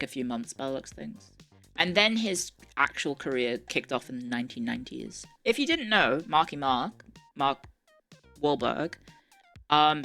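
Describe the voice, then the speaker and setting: With a low voice that carries a fairly bright tone, a young woman from Ireland chats casually during a live stream. Her accent mixes Irish, English and Australian-tinged qualities, and she reads aloud, dropping wry asides and making quick self-corrections.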